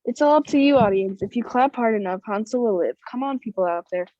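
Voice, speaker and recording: A woman's voice: on the high side, expressive, fast, warm tone, dry recording, lo-fi sound, close to an everyday voice. A woman playing a wry narrator of a comic fairy tale on stage, with scripted storytelling delivery.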